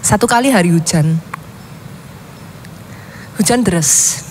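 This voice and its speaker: A woman's voice: on the low side, slow, a little mellow, a little hiss or hum. A woman pastor preaching, telling a story dramatically and often addressing her listeners directly. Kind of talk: sermon storytelling.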